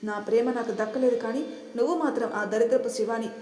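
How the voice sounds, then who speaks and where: A woman's voice: a little high, brisk, mellow, natural voice. Woman doing a young woman, jealous, defiant, bitter, echoey room. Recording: roomy reverberant room.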